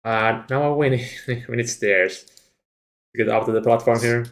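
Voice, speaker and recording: Gravelly low-voiced man planning a build. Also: unhurried. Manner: thoughtful, plans things out calmly. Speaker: co-player in a building game. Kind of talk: casual gaming chat.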